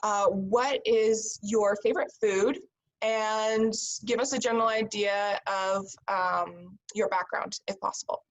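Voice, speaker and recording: A woman from Canada leads a panel discussion over a video call. She sounds upbeat and encouraging as she introduces each guest, and her voice sits at an average pitch. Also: fairly even intonation, slow pace, lo-fi sound. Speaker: moderator.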